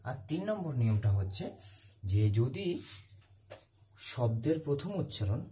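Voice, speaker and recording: Mellow-voiced man teaching grammar. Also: medium pitch, very animated, moderate pace. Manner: repeats key words, asks and answers his own questions. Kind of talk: classroom-style grammar lesson.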